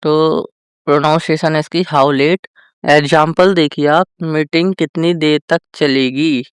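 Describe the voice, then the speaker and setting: A male teacher giving a vocabulary lesson, addressing viewers as friends and slowly drawing out each example sentence. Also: on the high side, steady tone, smooth, no room sound, studio quality. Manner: slow, drawn-out example sentences. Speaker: English teacher.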